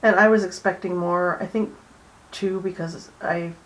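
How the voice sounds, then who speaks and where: A woman hosting a drawing session at her home art desk, chatting casually and going soft and hushed when she concentrates. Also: lowish voice, steady tone, unhurried, low-quality recording. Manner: soft-spoken, drifting into near-whispers while concentrating; chatty and easygoing, with fillers and small laughs. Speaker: art channel host. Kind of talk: casual drawing tutorial chat.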